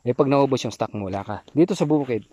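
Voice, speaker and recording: A man's voice: medium pitch, lively intonation, fast talker, warm tone. A man vlogging casually outdoors in the countryside, chatty, often tagging "no?" and "guys". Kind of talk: casual walking vlog.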